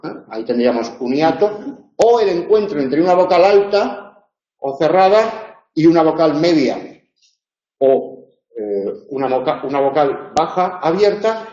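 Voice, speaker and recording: A man's voice: fairly high pitch, warm tone. Man lecturing in a roomy classroom. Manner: explanatory, checks in with tag questions. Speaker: university lecturer. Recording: roomy, muffled lecture recording.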